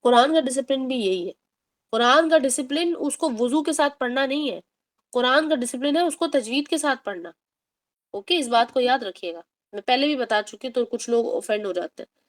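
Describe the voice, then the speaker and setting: A woman teaching a tajweed lesson, explaining patiently, mixing in English words and drawing out recited words slowly to demonstrate. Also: sits high. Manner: mixes English words into her talk.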